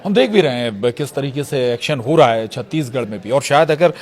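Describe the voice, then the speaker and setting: A man's voice: medium pitch, expressive, brisk. A man anchoring a studio news discussion, asking probing questions and giving short listening cues.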